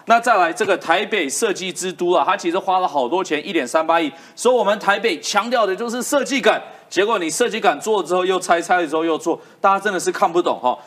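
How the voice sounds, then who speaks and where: A woman's voice: fairly low pitch, fast, few pauses. A woman with a Taiwanese accent giving live political commentary in an emphatic way, repeating her points for effect. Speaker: political commentator on a talk show.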